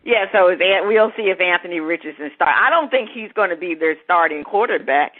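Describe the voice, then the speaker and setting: A woman's voice: lowish voice, animated, a little fast. Casting: female sports-talk host, chatty, laughs easily, narrow phone-line sound. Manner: chatty, laughs easily, searches for names aloud.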